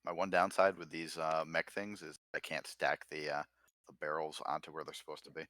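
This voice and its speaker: A man narrating as game master, relaxed and full of fillers. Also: extremely low pitch, fairly quick, no room sound. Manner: relaxed, filler-heavy narration with many uhs.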